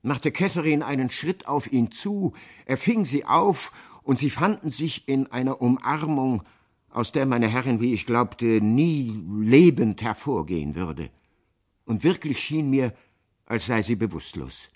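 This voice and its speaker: Man, audiobook narrator, measured, sombre, mid-pitched voice. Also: animated, darkish tone.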